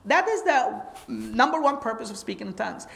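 This Egyptian Bible teacher, Arabic her first language, preaches briskly in a high voice with vocal fry, emphatic and animated and leaning on rhetorical questions. It's a sermon-style teaching talk, with a slight hiss or hum in the audio.

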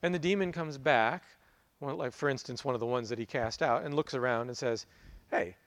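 A man reading scripture aloud and then explaining it as a pastor in a morning sermon, in a relaxed teaching manner. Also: mid-range voice, brisk, no room sound.

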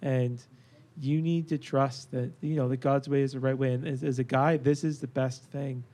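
A man's voice: medium pitch, steady tone, normal speed, dark tone. Earnest man making a point on a podcast. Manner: earnest, emphatic, many fillers. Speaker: podcast host. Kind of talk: casual faith discussion.

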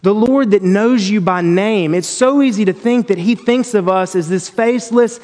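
Male Bible teacher, high-pitched, earnest and reflective, devotional delivery with a long reverb tail. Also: moderate pace, darkish tone. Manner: earnest and reflective, with frequent restarts.

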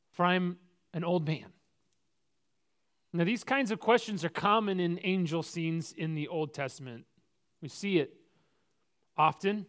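A man's voice: on the high side, a bit bright. A man preaching a sermon in a conversational way, posing rhetorical questions and often restarting his words. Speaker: pastor.

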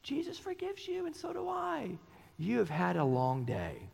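A man doing a soft little girl. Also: wildly swooping pitch, unhurried, vocal fry, a little hiss or hum, exaggerated voice. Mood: tender. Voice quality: soft, high and hushed. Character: sweet, gentle little girl of seven. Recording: long church hall reverb.

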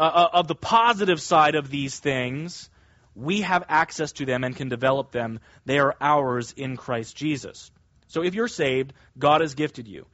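A man preaching an expository sermon, deliberate and emphatic, leaning on key words. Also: on the high side, fairly bright tone, no room sound, muffled recording. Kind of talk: expository sermon, teaching verse by verse.

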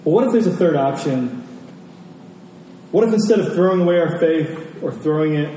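A man with a fairly high, warm, expressive voice preaches at a moderate pace, repeating key phrases in a conversational sermon. The large reverberant room makes the recording very echoey, and with the mic placed far off there's faint noise too.

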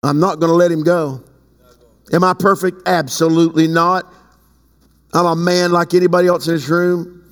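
A fervent male preacher with a notably high voice, booming out lines and then dropping to hushed asides. His words ring through a large church with a long, echoing reverb tail. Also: little pitch movement, moderate pace, pauses often. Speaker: pastor. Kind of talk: sermon.

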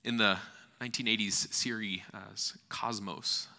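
A man preaching a sermon in an earnest, rhetorical manner, with deliberate pauses and repeated phrases for emphasis. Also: fairly low pitch, fairly even intonation, vocal fry, sharp tone. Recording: reverberant hall.

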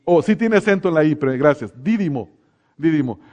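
A man's voice: fairly high pitch, lively intonation, fast talker, darkish tone. A middle-aged man, preaching a sermon in a folksy, joking way and addressing the congregation directly. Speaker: pastor.

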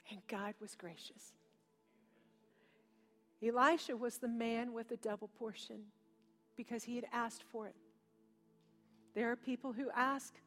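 A woman preaches a sermon in a high, bright-toned voice, telling a story and then pressing her point with fervor. Her voice carries a long reverb from a large hall around her. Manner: storytelling, rising to impassioned exhortation. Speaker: pastor.

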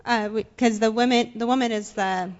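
Higher-voiced young woman interpreting. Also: steady tone, normal speed, lo-fi sound. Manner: hesitant, with fillers and restarts. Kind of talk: consecutive interpreting. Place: church sanctuary.

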